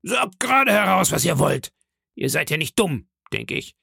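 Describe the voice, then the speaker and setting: A man's voice: sits high, big pitch swings, moderate pace, gravelly, pushed and bright, slightly rough, no echo, voice pushed up, full character voice. A man reading an audiobook, voicing an old one-legged male pirate captain who bellows threats with swagger. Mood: threatening.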